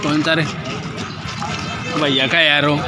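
A man's voice: a little high, little pitch movement, takes it slowly, a loud crowd. A man vlogging at an outdoor pigeon market on a handheld phone, chatting casually and asking sellers about prices and breeds. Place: busy outdoor street market. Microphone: handheld phone camera. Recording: loud outdoor street noise. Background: traffic and street noise.

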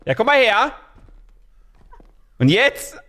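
A man talks through a horror game in casual commentary, joking and yelping at scares. His pitch leaps all over the place, from low mutters to high shrieks. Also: slow pace. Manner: excitable, jokey, yelps when startled. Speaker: let's play host.

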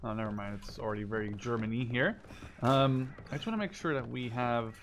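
With slight background noise, a man in his twenties speaks at medium pitch and a little fast while hosting a gameplay video. He rambles casually through live commentary, swearing offhandedly and often correcting himself. The game's gunfire, machine guns and clicks are audible under him.

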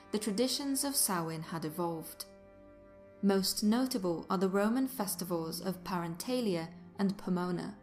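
A woman narrates a history documentary from a script. Her voice sits at a middle pitch, and her delivery is formal, carefully articulated and measured. Music plays behind her. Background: music under the voice.

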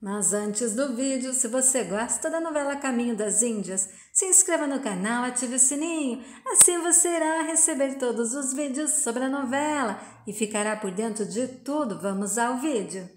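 Narradora de voz aguda. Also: female voice, on the high side, normal speed, hardly any pauses. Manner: steady storytelling with small slips. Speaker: channel host recapping a soap opera. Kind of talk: scripted narration. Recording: roomy echo.

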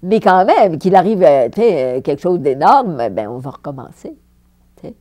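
An older actress from Paris, with a Parisian French accent, reminisces about her career while seated for an interview in an indoor living room with a fireplace. Her low voice moves at a moderate pace, and she's animated, laughing often and repeating words for emphasis.

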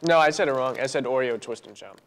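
A woman's voice: extremely low pitch, quick pace, a little hiss or hum. A woman co-hosting a livestream, joking and self-deprecating in casual chat. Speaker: co-host.

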